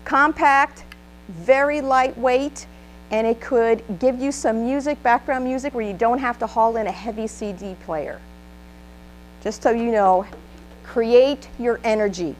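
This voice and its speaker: Woman workshop presenter, motivational and upbeat, drives call-and-response with the room, unhurried delivery. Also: a little high, a little hiss or hum, rough recording. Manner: leads the audience in call-and-response; upbeat and emphatic. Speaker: presenter giving a trainer workshop. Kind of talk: motivational training speech. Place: room with a live audience.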